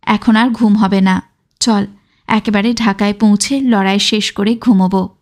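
A woman's voice: medium pitch, steady tone, a little slow, natural voice. A woman narrator voicing a hardened, vengeful young male freedom fighter who speaks curtly and gives commands. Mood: grim. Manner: curt, commanding.

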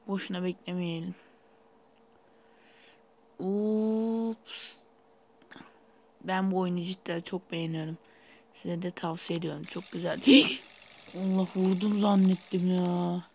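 A man's voice: high-pitched, vocal fry, darkish tone. A young man giving casual, rambling gameplay commentary while sleepy, with sudden startled outbursts. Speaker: gaming YouTuber.

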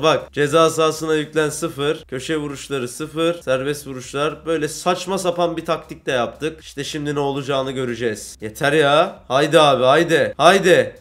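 A man in his twenties giving excitable, jokey gameplay commentary that swings into loud outbursts. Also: a little high. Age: 20s. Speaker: gaming YouTuber.

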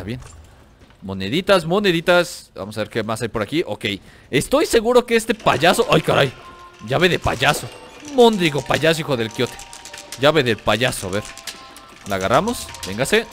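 A man with a Mexican accent giving excited, slangy commentary over his gameplay, joking, cursing playfully and talking straight to his viewers. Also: on the high side. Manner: excitable, slangy, jokes and teases the enemies, talks straight to viewers. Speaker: gaming channel host. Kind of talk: let's play gameplay commentary.

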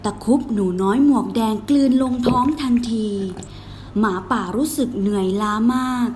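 A woman's voice: medium pitch, normal speed, a little mellow, a little hiss or hum. A young woman student narrating a children's fairy tale steadily for a class assignment. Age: young adult.

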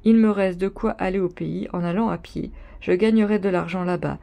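A woman's voice: on the low side, moderate pace, gravelly, mellow. A woman reading the lines of a poor young mother pleading with an innkeeper's wife, in a storybook reading.

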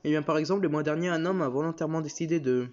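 A man voicing a brisk, matter-of-fact male doctor who talks quickly, on a dull lo-fi recording. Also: a little high, darkish tone, lightly acted. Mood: deadpan. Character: fast-talking deadpan male doctor.

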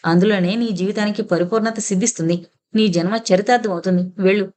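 A woman's voice: medium pitch, steady tone, fast, darkish tone, close to an everyday voice. A woman reading the lines of a stern, scolding woman who keeps insisting and commanding.

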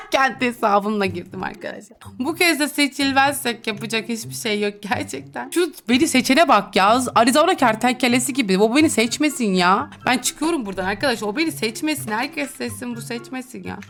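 A woman's voice: a little high, lively intonation, a little fast, a bit bright. A young woman giving playful, teasing game commentary, laughing often and swearing casually. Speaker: gaming YouTuber.

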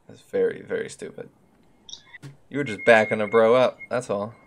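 Low-voiced man gaming on stream. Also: steady tone, normal speed, a little hiss or hum. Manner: laid-back, mutters to himself while picking gear. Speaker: streamer playing a tank game. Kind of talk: casual gaming chat.

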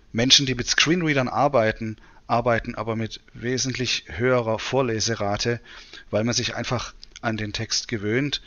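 A man presenting a software demonstration in tutorial narration. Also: mid-range voice, highs cut off. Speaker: presenter demonstrating screen reader.

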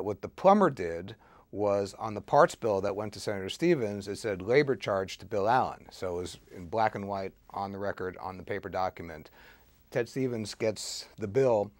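A man giving a detailed, deliberate explanation as an interview guest, often pausing and restarting. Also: on the low side, dry recording.

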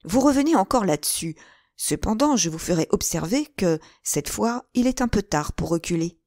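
A woman reading aloud and voicing a young hot-headed male musketeer, eager and quick to exclaim. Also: medium pitch, dry recording, clean studio sound, voice pushed up, lightly acted. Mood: courteous. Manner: eager, rising to excited exclamations.

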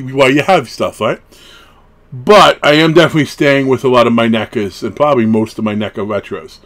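A man in his thirties, a horror collectibles vlogger, chats casually through an unboxing in a small wood-panelled room at home. His mid-range voice is a bit bright, and he rambles, breaking off into asides and interrupting himself.

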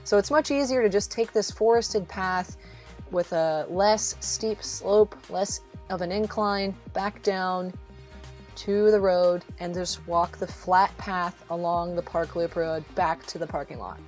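Talking to the listener in an unhurried way, a travel vlog host offers a relaxed, encouraging instructional voice-over. Her voice is fairly low and a little mellow, and music plays behind her.

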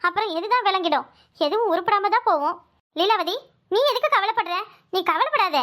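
A woman's voice: very high-pitched, expressive, fairly quick, sharp tone, full character voice. A woman voicing a scheming middle-aged aunt in a cartoon, who is mocking and dismissive.

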